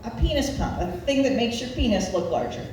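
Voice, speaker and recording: A forties-aged comic from Nebraska works a live comedy venue, her Midwestern voice caught by a far-off mic amid echo and crowd noise. She spins wry, self-deprecating stories that take their time, yet she speaks briskly and expressively, her pitch wandering freely.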